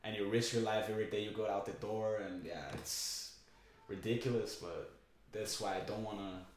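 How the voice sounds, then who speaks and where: A man's voice: lowish voice, fairly even intonation, normal speed. A young man in casual conversation, talking in a rambling, profane way with many fillers. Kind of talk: casual chat. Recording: very echoey room with faint noise.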